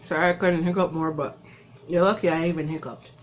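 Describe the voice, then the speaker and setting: A woman's voice: sits low, steady tone, a little hiss or hum. A woman vlogging casually while eating spicy wings, her lips and tongue burning as she talks into her phone. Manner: slow, breathy talk between bites, laughing at herself. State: mouth burning from spicy food. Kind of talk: casual vlog chat. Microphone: phone camera.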